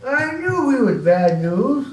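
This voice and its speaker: A man's voice: very high voice, big pitch swings, slow pace, a little mellow, slight background noise. A man performing a role in a community stage show, easygoing and jokey. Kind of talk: community stage opera acting. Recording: roomy stage sound from far off.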